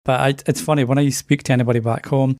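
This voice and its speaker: A middle-aged man from Scotland with a softened Scottish accent tinged with Canadian, chatting easily and with self-deprecating laughs as a podcast guest. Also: mid-range voice, fairly even intonation, fast talker, no room sound, studio quality. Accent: softened Scottish with a slight Canadian tinge. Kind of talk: casual interview chat.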